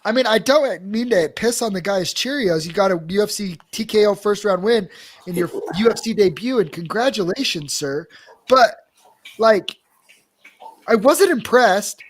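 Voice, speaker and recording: A man's voice: sits high, lively intonation. A young man co-hosting a podcast, chatting casually and with strong opinions about fight results. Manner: opinionated, joking, quick asides. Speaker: podcast co-host. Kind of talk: casual fight recap chat.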